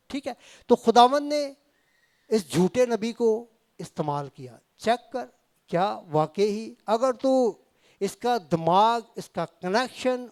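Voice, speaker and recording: Pakistani evangelist, high-pitched man preaching to his congregation, mixing in English and words. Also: a little mellow. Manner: mixes Punjabi and English words into Urdu, addresses the congregation directly. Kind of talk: sermon. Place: church fellowship hall.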